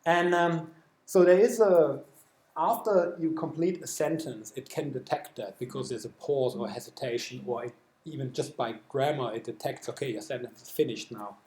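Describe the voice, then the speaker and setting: A man with a German accent presenting software at a developer meetup, explaining a live demo with many fillers and restarts. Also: medium pitch, moderate pace, reverberant. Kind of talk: technical talk with live demo. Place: meetup room.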